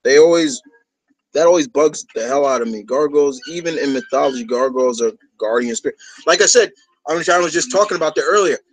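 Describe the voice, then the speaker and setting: A man's voice: fairly high pitch, lively intonation, fast talker, slight background noise, poor audio. A man from New York hosting a fan discussion, chatting casually in a rambling, enthusiastic way. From New York, United States. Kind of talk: casual chat.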